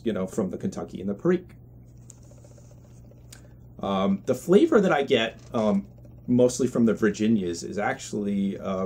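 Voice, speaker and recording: A man giving a casual product review as a pipe tobacco reviewer, talking in a halting, deliberate, thoughtful way. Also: fairly low pitch, slight background noise.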